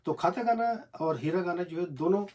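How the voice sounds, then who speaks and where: A man teaching Japanese script in a casual, halting home video lesson, recorded on a phone in a small cramped room. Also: sits high, darkish tone. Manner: hesitant, many fillers, repeats syllables slowly.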